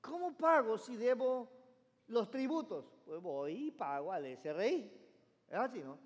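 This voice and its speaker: Male pastor, high voice, emphatic call-and-response preaching, long church reverb. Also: very animated, a little slow. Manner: emphatic, calls congregation to repeat phrases. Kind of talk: sermon. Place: church sanctuary.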